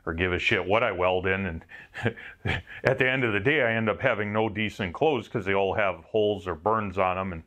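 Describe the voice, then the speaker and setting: A man's voice: deep voice, moderate pace, fairly bright tone. A man with a Wisconsin accent, a welder casually reviewing work gear in a rambling, self-mocking way. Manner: rambling, offhand, self-mocking, with some swearing.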